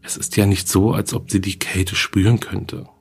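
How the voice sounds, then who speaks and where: A cool, unbothered girl with a morbid streak, as a male narrator puts her on. She speaks in a low, gravelly, husky voice. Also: little pitch movement, normal speed, faint music behind. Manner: matter-of-fact, unbothered.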